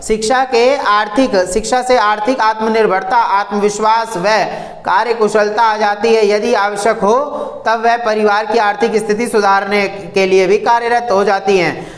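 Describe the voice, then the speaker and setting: A man's voice: sits high, flat delivery, moderate pace. Man, teacher, textbook lesson, reads then explains simply, firm advice to students, echoey room. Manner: reads textbook lines, then restates them in plain words; lectures students firmly with direct advice.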